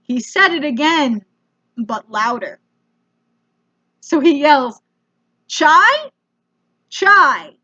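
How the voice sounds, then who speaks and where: An American woman telling a comedic travel story in an animated, self-mocking way, with casual swearing. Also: high-pitched, takes it slowly, long pauses, muffled recording. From United States.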